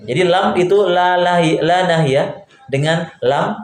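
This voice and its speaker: A man's voice: sits high, unhurried. A male teacher giving a classroom grammar lesson. He quizzes his students and repeats their answers back to them. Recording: echoey room, faint background hum.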